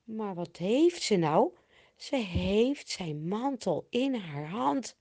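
A woman telling a Bible story to children in a slow, expressive way, swinging between hushed and loud. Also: medium pitch.

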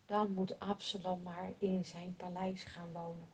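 A woman telling a Bible story expressively, swinging from emphatic to hushed. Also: on the low side, little pitch movement, a little slow, husky.

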